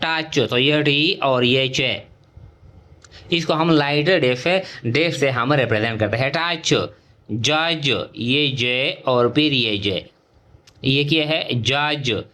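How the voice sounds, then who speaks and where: A middle-aged man teaching shorthand step by step, drawing out example words and pausing with fillers as he writes. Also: mid-range voice, pushed and bright. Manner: drawn-out example words, thinking aloud with fillers. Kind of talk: slow whiteboard-style lesson.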